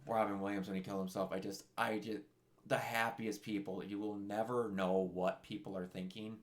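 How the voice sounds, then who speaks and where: A young man talking casually on a game stream, halting with many restarts. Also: lowish voice, flat delivery, a little hiss or hum.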